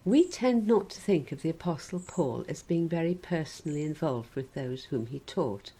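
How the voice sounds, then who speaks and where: A woman preaching a sermon in a measured, gently wry reflective way. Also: low-pitched, animated, husky, poor audio.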